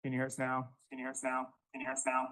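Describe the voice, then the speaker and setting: A man speaking over a video call whose audio echoes his phrase back in repeats, in a hurried, apologetic manner. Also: medium pitch, monotone, fairly bright tone. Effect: call audio echoing his phrase back in repeats. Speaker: remote hearing participant.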